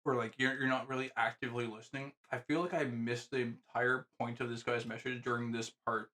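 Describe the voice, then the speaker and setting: A man's voice: medium pitch, flat delivery, brisk, pushed and bright, low-quality recording. A man streaming a reaction to a video, rambling casually and swearing often. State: talking with food in his mouth.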